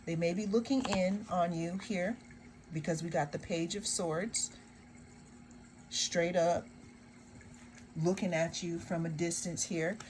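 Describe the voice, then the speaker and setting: Slow, emphatic woman tarot reader. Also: fairly low pitch, fairly even intonation, background noise. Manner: slow, emphatic, drawn-out phrases with repeated refrains; sarcastic asides. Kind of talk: tarot card reading to viewers.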